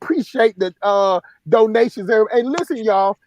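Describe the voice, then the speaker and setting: A man's voice: high voice, a little fast, darkish tone, dry recording, dull audio. A man hosting a casual live stream, rambling with many restarts. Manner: rambling, many restarts and "you know what I'm saying".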